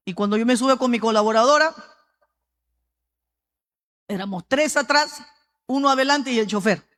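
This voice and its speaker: A woman pastor with a Peruvian accent, giving a sermon with personal testimony in a lively storytelling way and often addressing the congregation as brother. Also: fairly high pitch. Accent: Peruvian Spanish. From Peru. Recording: long hall reverb.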